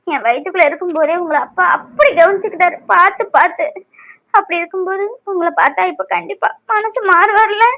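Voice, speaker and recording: A woman's voice: very high-pitched, pushed and bright, no room sound, full character voice, rough recording. A woman voicing a tearful young mother of newborn twins who speaks tenderly and pleads in a cartoon serial.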